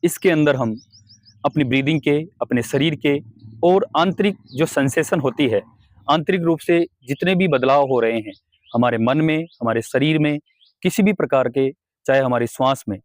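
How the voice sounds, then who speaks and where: Man, meditation instructor, slow calm guidance, mid-pitched voice, dry close recording. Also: dry recording.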